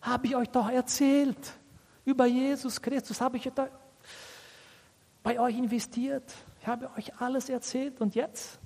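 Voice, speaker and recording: An exasperated, let-down apostle firing off reproachful questions at his flock, as a preacher acts him out. The voice sits high and unhurried, with a long reverb trailing off through the hall. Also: sing-song, darkish tone, husky, full character voice. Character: frustrated, disappointed male apostle scolding his flock.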